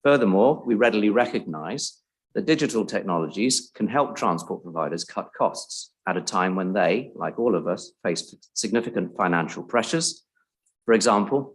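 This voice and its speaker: A man giving a measured, formal prepared speech at a public event, introducing a report. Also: deep voice, husky, poor audio.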